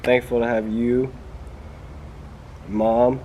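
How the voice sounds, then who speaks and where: A man's voice: medium pitch, flat delivery, extremely slow, dark tone, slight background noise, poor audio. A young American man in an informal, slangy chat, asking questions as the interviewer. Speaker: grandson interviewing his grandfather. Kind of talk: casual chat.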